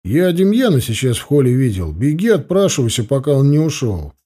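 A man's voice: medium pitch, very animated, brisk, warm tone, breathy edge. A man voicing a dry, wry young man who shares a hospital ward, in an audiobook.

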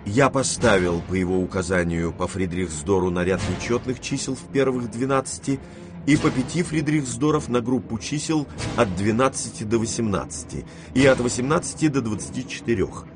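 A man narrating classic prose as an audiobook in a measured, even storytelling manner. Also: mid-range voice, music in the background.

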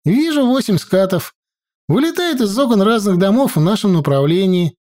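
A man voicing a young girl navigator who gives brisk, military-style reports in a raised voice. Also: high-pitched, lively intonation, a little mellow, pitched above the performer's own voice. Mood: brisk reporting. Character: young girl scout reporting drone sightings.

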